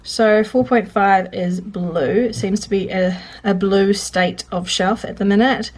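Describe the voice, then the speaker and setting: A journaling vlogger with a medium-pitched, steady voice talks a little slowly as she fills in her journal, giving chatty real-time commentary. She's congested and sniffly, rambling, interrupting herself to make corrections, and muttering to herself while she works. Faint clicking and background noise can be heard.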